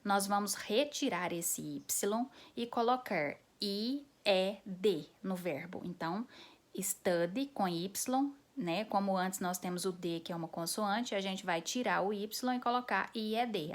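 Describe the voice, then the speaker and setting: In a patient classroom style, a mid-range-voiced woman leads an English grammar lesson, taking each rule one step at a time. She frequently asks how her students are doing and slows to spell letters out.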